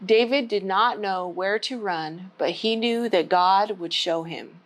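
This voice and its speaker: A woman leading storytime at a church reads a storybook aloud at a measured pace, her mid-range voice using simple, child-directed language for young listeners.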